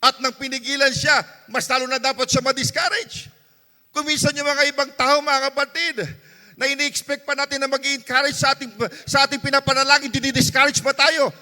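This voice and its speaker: High bright-voiced Filipino pastor preaching. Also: male voice, flat delivery, fairly quick. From Philippines. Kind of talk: sermon. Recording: long reverb of a church hall.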